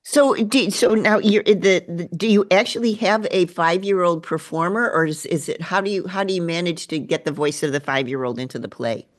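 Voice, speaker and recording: A woman's voice: on the low side, normal speed, few pauses. A woman interviewing a guest, often restarting her questions as she goes.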